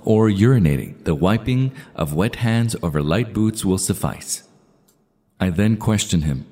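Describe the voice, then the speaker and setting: Deep, mellow man reading in a reverberant hall. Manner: measured, formal recitation. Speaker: reader of religious texts. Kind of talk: scripted reading with commentary. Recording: long reverberant hall sound.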